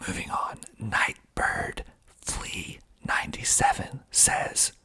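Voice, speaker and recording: The man reading here whispers in classic ASMR fashion, breathy and mostly unvoiced. A filmmaker and actor by trade, he keeps a deliberate pace and throws in dry, wry quips.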